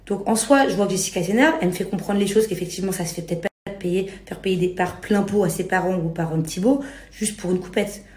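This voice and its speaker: A young woman rants casually to her followers in an exasperated, self-justifying way, full of slang. Her voice is mellow and soft-edged at a middling pitch, with a clearly roomy echo around it. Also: fast. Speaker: reality TV personality. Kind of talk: casual spoken rant to followers.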